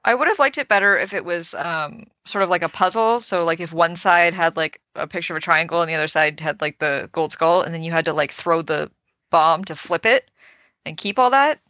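Bright-voiced chatty woman. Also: lowish voice, no echo. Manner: quick reactions, chatty, laughs at herself. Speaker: podcast co-host. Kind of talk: casual chat.

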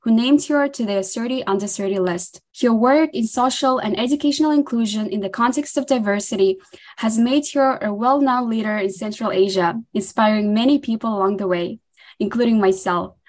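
A woman's voice: on the high side, brisk, darkish tone. Upbeat podcast host woman. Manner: upbeat, effusive. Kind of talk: scripted intro and interview questions.

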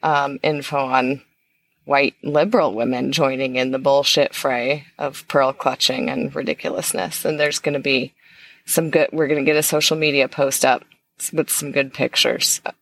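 A woman's voice: very deep voice, steady tone, moderate pace, a bit bright. A woman co-hosting a podcast in casual chat, blunt and sarcastic, laughing often. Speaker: podcast co-host.

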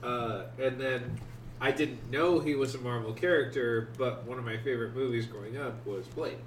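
A man's voice: medium pitch, moderate pace, roomy sound. Man, congested stuffy nose, casual joking storytelling, distant mic, faint noise. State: congested from allergies. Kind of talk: casual group chat, telling personal anecdotes.

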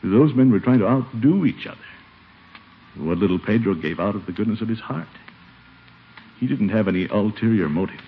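An actor playing a gentle, plain-spoken man with an uneasy conscience in an old-time radio drama. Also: on the low side, expressive, normal speed, pauses often. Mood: humble explaining. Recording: muffled, noisy old radio broadcast.

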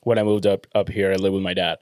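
A man's voice: sits low, flat delivery, quick pace, darkish tone, no echo, clean studio sound. A man in his twenties from El Salvador, whose first language is Spanish, chatting easily as a guest.

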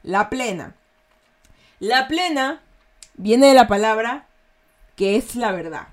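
A woman's voice: on the high side, animated, slow pace. A woman with an Ecuadorian accent hosting a casual slang lesson, chatty and checking in with her listeners often. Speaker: host teaching slang.

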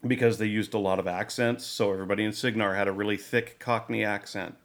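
A man co-hosting a casual podcast chat, talking in a measured, meandering way. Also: fairly low pitch, fairly even intonation. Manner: measured, many fillers and restarts. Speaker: podcast co-host.

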